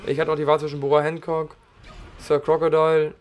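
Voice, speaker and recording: A slightly hoarse man giving casual, slangy let's play commentary while he plays, chatting loosely between moves. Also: fairly high pitch, completely flat delivery, a little fast. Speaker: gaming channel host.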